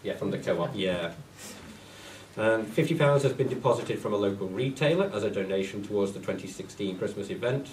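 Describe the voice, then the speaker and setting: The parish clerk, bunged up with a cold, reads figures from his report to the council in a plain, steady way with a few asides. He speaks a little fast in a lowish voice, well away from the distant room mic, and the echoey hall carries a faint hiss.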